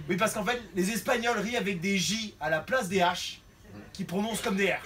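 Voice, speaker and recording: High-voiced comedian in a noisy bar. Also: male voice. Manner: lively, switches into character voices and accents. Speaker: stand-up comedian. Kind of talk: stand-up comedy set. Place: small bar with a stage. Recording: distant mic in a noisy bar crowd. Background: laughing audience.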